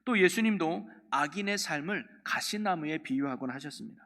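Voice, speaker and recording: A man's voice: on the high side, animated, moderate pace, fairly bright tone. A man preaching a dawn prayer sermon as pastor, asking the congregation questions and reading scripture aloud. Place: church sanctuary. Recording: long church hall reverb.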